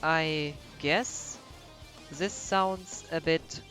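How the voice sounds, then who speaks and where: A man from Germany, chatting casually while streaming a video game and often pausing to search for English words. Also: fairly high pitch, fairly bright tone, faint music behind. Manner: hesitant, searching for words, many restarts. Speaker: let's play streamer. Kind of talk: casual chat while gaming.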